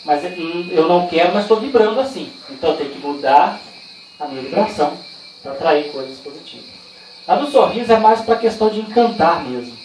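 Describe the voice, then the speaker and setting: A man with a Brazilian Portuguese accent leads a training session in a relaxed, conversational way, asking rhetorical questions and telling personal stories. His voice sits fairly high and carries through a roomy, echoing space. He is picked up from some distance away, and faint crickets and insects can be heard behind him. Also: brisk. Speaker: workshop trainer. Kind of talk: informal training talk. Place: indoor training room. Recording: echoey room, far from the mic, faint insect noise.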